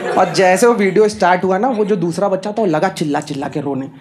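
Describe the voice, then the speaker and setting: A man's voice: sits high, fast, a little mellow. A young man doing stand-up comedy and telling a story to a live audience in a chatty way that speaks straight to the crowd. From India. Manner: conversational, addresses audience directly. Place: comedy club stage with audience. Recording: noisy live club recording.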